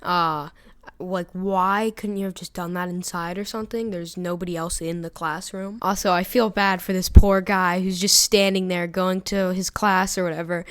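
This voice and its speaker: A woman's voice: lowish voice, fairly even intonation, moderate pace. A woman giving casual reaction commentary as a video host, sarcastic and mock-serious. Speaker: YouTube commentator.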